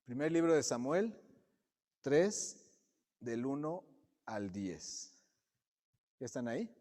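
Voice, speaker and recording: Preacher with a mellow voice in a reverberant church. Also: male voice, medium pitch, big pitch swings, slow. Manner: asks the congregation direct questions. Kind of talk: sermon. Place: church sanctuary. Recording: long reverb of a church hall.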